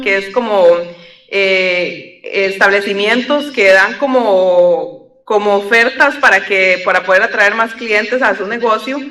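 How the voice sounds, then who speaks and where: A young adult woman from Costa Rica with a Costa Rican accent, an airline pilot telling her story in a relaxed, reflective way with many fillers. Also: medium pitch. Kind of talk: conversational storytelling interview. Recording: roomy echo, distant from the mic.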